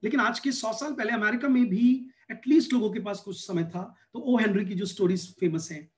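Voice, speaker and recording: A man from India lecturing on English literature for exam preparation, switching between Hindi and English with an Indian accent and frequent fillers. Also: high voice.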